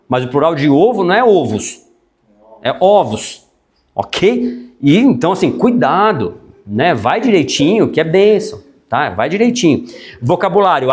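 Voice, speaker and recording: A man teaching a public speaking class, animated and chatty, dropping frequent tag questions and jokey asides. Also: fairly high pitch. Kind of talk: classroom lecture.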